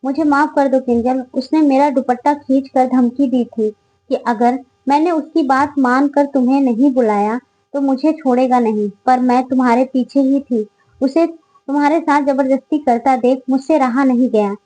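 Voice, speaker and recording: Woman as a scared apologetic college girl, high voice, mellow, spoken story. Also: fairly even intonation, moderate pace, low-quality recording. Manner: apologetic and fearful. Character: timid guilty young woman student.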